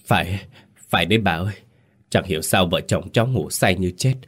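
A man's voice: deep voice, fairly quick, a bit bright, husky. A man voicing a sturdy farmer and father who stammers as he explains his son is gone. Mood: shaken. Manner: stammering, shaken.

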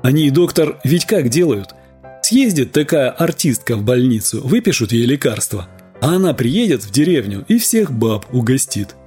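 A man's voice: mid-range voice, big pitch swings, normal speed, mellow, breathy edge, soft background music. A man voicing a stern older country medic who speaks curtly. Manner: stern, curt.

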